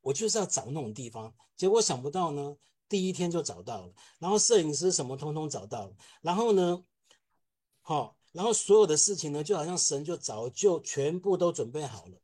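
A man, a film director giving a lively testimony to a church congregation and acting out the people in his story. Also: on the high side, a little fast, breathy edge. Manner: animated storytelling, acts out quotes.

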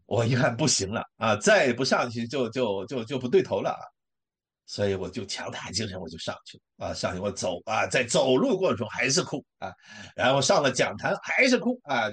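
Husky guy telling his faith story, voice swings up and down a lot, lots of fillers. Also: mid-range voice. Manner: emotional, animated storytelling with many fillers. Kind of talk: personal testimony talk.

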